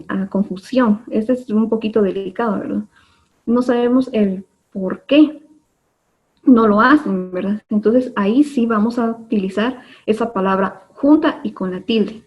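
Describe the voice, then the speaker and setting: A woman's voice: fairly high pitch, darkish tone. Patient woman teacher on lo-fi online class audio. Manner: patient, explains step by step with many fillers.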